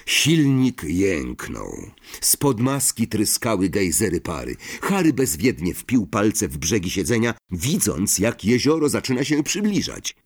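A man narrating an audiobook with expressive storytelling. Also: on the low side, measured pace, few pauses, slightly rough. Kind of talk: audiobook reading.

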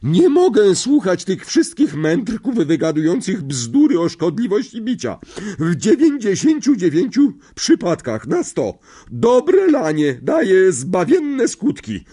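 A man voicing a loud, bossy, bullying middle-aged aunt with a barking, scolding manner. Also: sits high, wildly swooping pitch, slow pace, slightly rough, pitched above the performer's own voice, exaggerated voice.

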